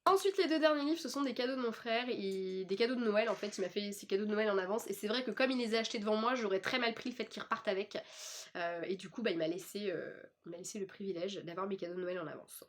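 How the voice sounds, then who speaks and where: A woman's voice: medium pitch, quick pace. Young French woman, casual book vlogger, chatty, lots of hesitations. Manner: chatty, lots of fillers and restarts. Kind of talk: casual chat.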